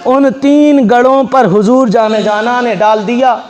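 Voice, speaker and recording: A man's voice: very high voice, fairly even intonation, a little slow, a little mellow, muffled recording. A man from Pakistan, preaching a fiery storytelling sermon in a mosque and repeating lines with rising passion. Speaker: Islamic preacher. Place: large mosque with congregation. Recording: echoey mosque hall with crowd.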